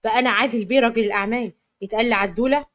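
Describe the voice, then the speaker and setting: A woman with an Egyptian accent voicing a proud, quick-tempered young businessman husband in a spoken story. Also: on the high side, fairly even intonation, close to an everyday voice. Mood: affectionate. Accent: Egyptian Arabic.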